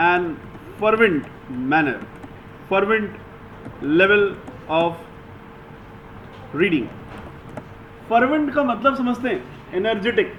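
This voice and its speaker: A high-voiced man teaches an English class, pacing his words slowly and stressing each instruction. The recording is dull and lo-fi, with a faint hiss behind him. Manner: instructive, mixes Hindi and English, slow deliberate emphasis. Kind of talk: classroom lesson.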